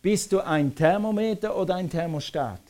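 A man preaching a lively sermon, acting out scenes as he speaks. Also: sits high, moderate pace. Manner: animated preaching, acts out scenes. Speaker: pastor.

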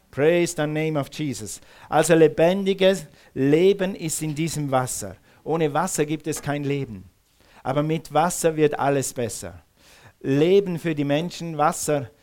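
Guy preaching a sermon in church, slightly high voice, gets the crowd to repeat words back. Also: a little mellow. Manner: engages the congregation with call-and-response; uses some Swiss words. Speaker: pastor. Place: church hall with congregation.

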